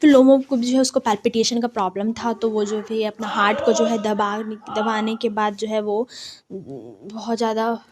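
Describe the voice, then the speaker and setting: A woman teacher explaining a play in Hindi. She retells each scene, then reads the quoted lines slowly. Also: fairly high pitch, background noise.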